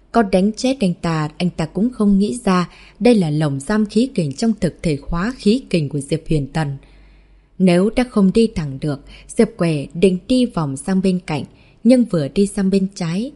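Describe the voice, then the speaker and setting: A woman reading a martial arts novel aloud in a steady narration voice, voicing every character in the same plain tone. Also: mid-range voice. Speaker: audiobook narrator.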